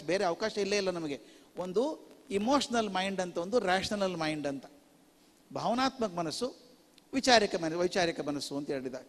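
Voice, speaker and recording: A high-pitched older man lectures to a conference of teachers, acting out little scenes between parents and children as he goes. His voice rings with a long reverb from the big hall he speaks in. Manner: animated storyteller, acts out parents and children in quick asides. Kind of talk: lecture mixing Kannada and English. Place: large hall.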